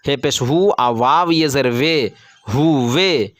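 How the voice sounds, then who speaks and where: A man teaching how to read Urdu, spelling words letter by letter and then reading each one slowly. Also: mid-range voice, a bit bright, no room sound. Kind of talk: slow spelled-out reading lesson.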